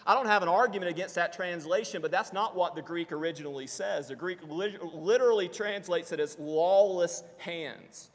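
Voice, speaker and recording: A man preaching a sermon to a congregation, explaining scripture in a measured teaching manner and slowing down for quotations. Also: high-pitched, fairly bright tone. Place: church assembly hall. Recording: long reverb of a church hall.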